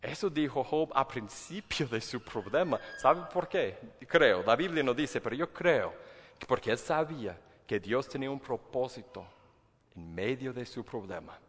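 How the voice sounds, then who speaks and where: A man preaching a sermon as pastor, animated, acting out inner voices and repeating words as he builds his point. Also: mid-range voice, normal speed, breathy edge, big-room sound.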